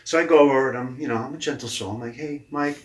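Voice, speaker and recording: A man in his forties, a guest leadership coach, telling stories from his life in casual conversation with an animated, mildly profane manner. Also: mid-range voice, rapid-fire. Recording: echoey room.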